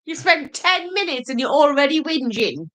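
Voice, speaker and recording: A woman's voice: high voice, expressive, normal speed, sharp tone. A woman co-hosting a casual live chat, chatty and teasing her husband. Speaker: livestream co-host.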